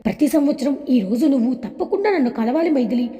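A woman voicing a tender, lovesick young man in an audio story, reading his lines in her own high voice with an affectionate, wistful manner. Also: lively intonation, fast talker, mellow. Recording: long hall reverb.

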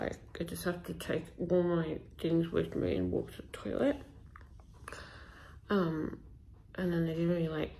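A woman's voice: fairly low pitch, vocal fry, darkish tone. A young woman in her twenties chatting to a vlog from a hospital bed, sore and tired, her words stiff and muffled by a swollen jaw with ice packs. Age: 20s. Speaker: patient vlogging her recovery. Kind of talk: casual vlog chat. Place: small hospital room, in bed. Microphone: phone at arm's length. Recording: noisy hospital room on a phone.

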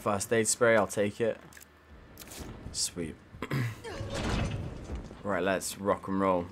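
A man's voice: sits low, fairly even intonation, takes it slowly, background noise. A young man giving let's play commentary on a desktop mic, swearing a lot with jittery nervous laughter. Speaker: gamer.

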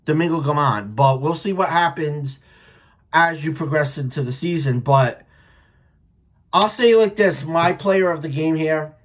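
A thirties-aged American man from Rhode Island, a baseball fan and sports vlogger, gives casual post-game reaction commentary that's blunt, opinionated, and full of swearing. He speaks at a measured pace in a higher voice, recording on a webcam in a small furnished room at home.

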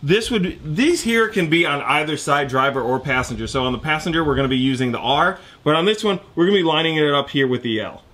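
A man's voice: fairly high pitch, animated, fast, hardly any pauses, a bit bright. A man in his thirties casually explaining an engine rebuild step by step in his home garage, his voice picked up by the camera mic while he works. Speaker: garage mechanic host. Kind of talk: casual how-to narration.

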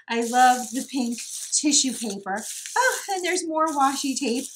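A woman's voice: high voice, animated, slow, noisy background. A woman from New York chatting casually as she unboxes craft mail, gushing and laughing often. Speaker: craft vlogger.

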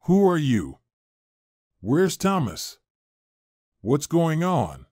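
A man's voice: medium pitch, sing-song, a little slow, darkish tone, no room sound, studio quality. A man reading the part of a young woman just out of a coma, speaking in a slightly raised, emotional and weary voice. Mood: indignant.

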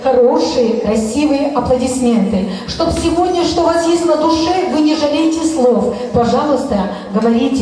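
A woman's voice: high-pitched, mellow, distant mic. A middle-aged woman hosting a wedding, announcing and giving toasts in an emphatic, declamatory manner into a handheld mic in a banquet hall. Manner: declamatory, emphatic, pausing between phrases. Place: large indoor banquet hall. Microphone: handheld microphone through PA, filmed from afar. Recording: echoey banquet hall PA, music behind.

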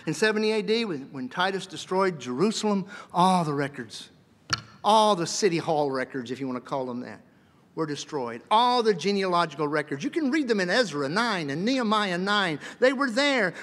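High-voiced guy giving a lively jokey lecture, big echoey hall sound. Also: normal speed. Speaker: seminary lecturer.

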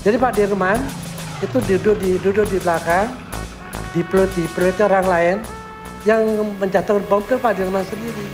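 An older man recalling his work in a documentary interview, an animated storyteller who acts out what he remembers. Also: high-pitched, normal speed, over music. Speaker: sculptor recounting his work.

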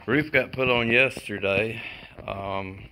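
Recorded on a phone held while he walks, a house flipper gives a rambling, relaxed tour of the empty home he's renovating, inside and out. His voice is fairly low and slow, with chuckling asides, and the handheld audio is noisy.

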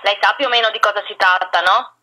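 A woman talks over the phone with a bright, clear-cut edge. She is polite and explanatory, sounding like office staff on a routine call. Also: mid-range voice, steady tone, fast, low-quality recording. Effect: telephone sound. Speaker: prank caller posing as clinic staff. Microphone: telephone line.

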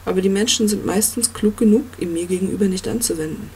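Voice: mid-range voice, fast talker, darkish tone, a little hiss or hum, close to an everyday voice. A reader voicing an ancient commanding tree monster. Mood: dry, probing. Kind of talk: audiobook reading.

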